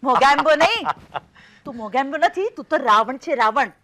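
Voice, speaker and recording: A woman's voice: high-pitched, expressive, moderate pace, sharp tone. An actress playing an emotional middle-aged woman in a stage play, newly separated after twenty years of marriage, who falters and stammers and then turns sharply insistent. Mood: scolding.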